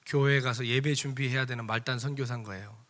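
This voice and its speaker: A middle-aged man preaching a sermon in a church, telling a personal story with animated, acted-out quoted arguments. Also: medium pitch, quick pace. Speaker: pastor.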